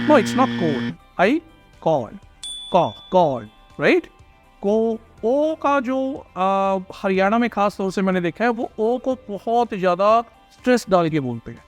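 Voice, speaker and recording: A man with a high voice teaches as an exam-prep tutor, explaining patiently and checking in with his listeners. He slows down to model each English word. Faint music plays underneath. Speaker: IELTS tutor. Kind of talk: Hindi-English teaching talk.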